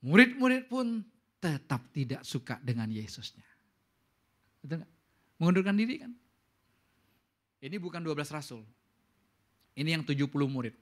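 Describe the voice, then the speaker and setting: High-pitched, bright-voiced male preacher. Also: moderate pace, pauses often. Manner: animated preaching with rising emphasis; mixes English words into speech. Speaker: pastor. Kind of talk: sermon. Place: church service.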